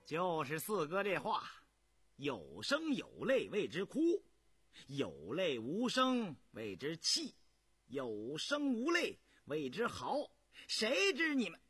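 A man voicing a cheerful, quick-witted young male prince who teases with glee. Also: high voice, wildly swooping pitch, fairly bright tone, breathy edge, no room sound, pitched above the performer's own voice, full character voice. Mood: smug.

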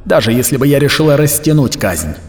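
A man voicing a stern, authoritative female canoness in an audiobook, speaking loudly and firmly. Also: mid-range voice, big pitch swings, fairly quick, big-room sound, faint music behind. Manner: loud, firm, pronouncing judgment.

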